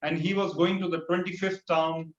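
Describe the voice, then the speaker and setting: A man speaking to teachers over a video call, telling an anecdote with animated storytelling and pitch lifts for punchlines. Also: moderate pace. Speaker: motivational speaker. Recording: roomy, dull video-call audio.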